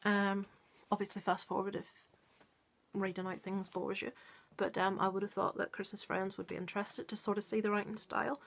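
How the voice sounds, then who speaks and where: A middle-aged woman talks through a book in an earnest, casual way, full of ums and restarts. Her pitch stays flat and level, and she sits in the middle of the usual range for a woman. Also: moderate pace, creaky. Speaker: book reviewer. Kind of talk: casual book review, reading a story aloud.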